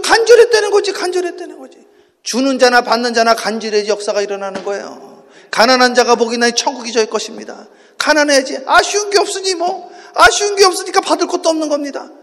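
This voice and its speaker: A man preaching an early-morning sermon, swinging from hushed talk to shouting and leading the congregation in call-and-response. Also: extremely high pitch, fast talker. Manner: impassioned, shifts from hushed to shouting. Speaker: pastor. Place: church sanctuary. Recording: long church hall reverb.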